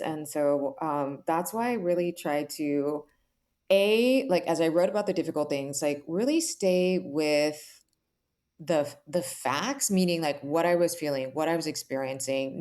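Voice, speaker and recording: Speaking in a deep, darkish voice, this author answers interview questions earnestly and reflectively. She explains in a conversational way, saying "like" a lot and checking in with "right?".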